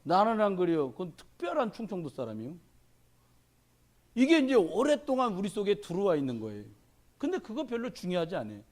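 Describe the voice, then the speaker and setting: A man's voice: sits high, brisk. A man preaching a sermon as a pastor, folksy and humorous, acting out the voices of people he quotes. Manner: animated storyteller who acts out quoted voices.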